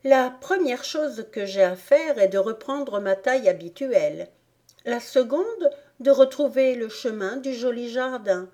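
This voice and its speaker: A sharp-tongued little girl, as a woman reader puts her on, pitched well above the reader's own voice and swinging up into cries of warning. She speaks slowly and with weight, in a darker, mellow tone. The storybook girl sounds curious but quick to anger. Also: expressive. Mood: musing. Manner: raised, higher voice when shouting threats. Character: curious young girl, bold and indignant.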